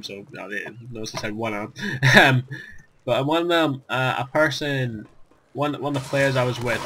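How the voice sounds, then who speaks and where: Recovering from a virus that left him voiceless, a young gaming YouTuber rambles through his commentary, mocking himself and stumbling through fillers and restarts. His voice is mid-range, and the background is noisy.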